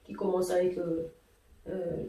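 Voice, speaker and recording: A woman giving a spoken language lesson, explaining slowly and patiently, with many pauses and hesitations. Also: lowish voice, flat delivery, dark tone, roomy sound, recorded from a distance, rough recording. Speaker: language teacher.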